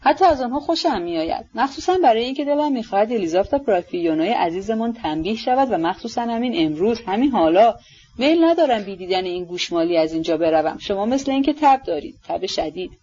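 Sarcastic young nobleman, read by a woman, mocking asides, husky mellow voice, dull lo-fi audiobook. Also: medium pitch, animated. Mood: sly mocking.

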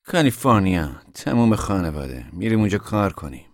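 A man's voice: sits low, sing-song, no room sound, studio quality. A male narrator voicing a blunt, impatient young man who talks in a scolding, brusque way.

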